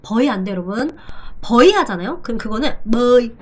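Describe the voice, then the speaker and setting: A middle-aged woman teaching a language in a video lesson, repeating phrases slowly for drilling with playful asides, a native Korean speaker. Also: a little high, expressive.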